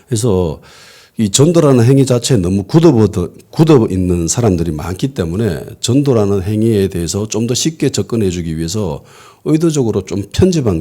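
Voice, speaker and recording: A pastor preaches in a lively, conversational way, throwing rhetorical questions at the congregation. His low voice rises and falls a lot. It has a husky, mellow tone. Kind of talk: conversational sermon. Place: church worship service.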